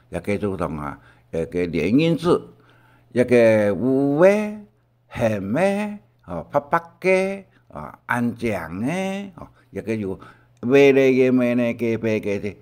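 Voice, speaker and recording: An older man with a Taiwanese Hakka accent talks through a recorded language lesson. His voice sits fairly low, but his pitch rises and falls in lively swings. He often stops and restarts as he explains. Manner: halting, with many pauses and restarts.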